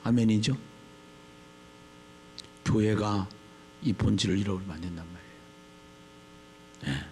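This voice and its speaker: A male pastor preaching a sermon. He repeats phrases for emphasis and swings from low murmurs to shouted lines. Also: a little slow, slight background noise.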